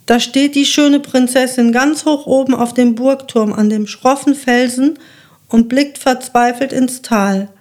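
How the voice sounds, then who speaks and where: Calm woman reading a children's story. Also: sits high, a little slow.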